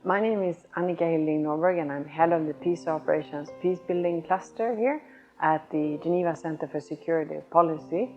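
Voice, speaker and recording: A woman heading a policy research cluster, speaking in a measured way and pausing to choose her words. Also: sits low. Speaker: head of a policy center cluster. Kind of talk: interview statement. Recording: slightly muffled recording with music.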